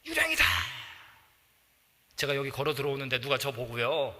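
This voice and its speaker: A middle-aged man preaching a sermon as a pastor in a church, animated, acting out voices and shouting at times. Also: sits high, brisk. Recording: long church reverb.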